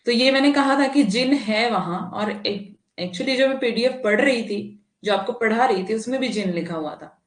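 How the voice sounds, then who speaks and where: A woman's voice: on the high side, normal speed, reverberant. A woman teacher talking to students in a live online class, indignant and emphatic, with frequent tag questions. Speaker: online Hindi exam teacher.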